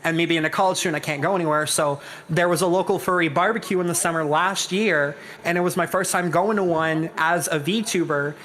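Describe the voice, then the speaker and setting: High-voiced young man, rambling. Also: brisk, a bit bright. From Canada. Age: 20s. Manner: rambling storyteller with many fillers. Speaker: panelist. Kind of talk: casual panel chat. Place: virtual reality social event.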